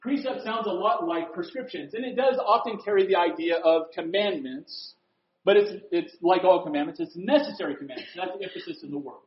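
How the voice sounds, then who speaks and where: A man preaching a sermon in a conversational way, posing rhetorical questions and swinging between loud emphasis and quiet asides. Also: sits high, brisk. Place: room with a board. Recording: roomy, dull lo-fi recording.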